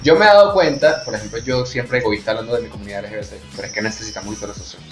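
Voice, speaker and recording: A man with a Venezuelan Spanish accent races along in a fairly low voice, hosting a casual, candid chat. He tells his stories frankly and with animation, in an echoey room with faint music.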